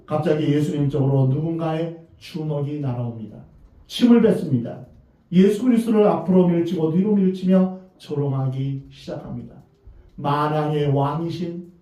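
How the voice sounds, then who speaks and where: A man preaching a sermon to his congregation, earnest and measured, and he often puts rhetorical questions to his listeners. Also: fairly high pitch, dark tone. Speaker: pastor. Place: church sanctuary. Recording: very echoey, distant, dull church recording.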